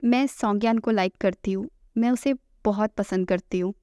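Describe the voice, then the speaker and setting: A woman's voice: medium pitch, normal speed, warm tone, no echo, pitched below the performer's own voice, lightly acted. A woman voicing a playful, flustered young heroine, reading her lines plainly in a storybook recap. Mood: teasing. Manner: quoted plainly in the narrator's own voice. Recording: dull lo-fi, dry.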